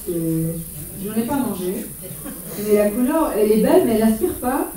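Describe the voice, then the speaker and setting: A woman's voice: on the high side, very animated, moderate pace, mellow. Chatty woman in an echoey hall. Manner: chatty, hesitant, many fillers and restarts. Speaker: speaker giving a travel talk. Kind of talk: informal slideshow talk about a solo walking pilgrimage. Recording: very echoey room, voice far from mic.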